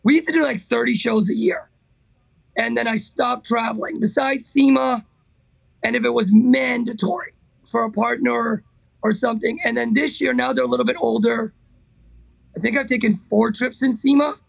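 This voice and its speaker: Hoarse, raspy, high-strained man. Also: steady tone, normal speed, no room sound, rough recording. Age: middle-aged. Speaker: interview guest, car builder. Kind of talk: casual interview talk.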